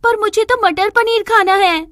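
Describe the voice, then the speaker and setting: A woman's voice: extremely high pitch, normal speed, a bit bright, no room sound, studio quality, pitched above the performer's own voice. A woman voicing a spoiled, stubborn young bride who whines and demands. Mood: petulant. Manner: whiny and demanding.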